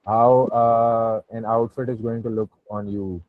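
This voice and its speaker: A man's voice: medium pitch, little pitch movement, measured pace. A man with a Pakistani accent, a startup founder answering questions informally on an online call, often hedging with "you know". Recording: muffled phone-like call audio, roomy echo.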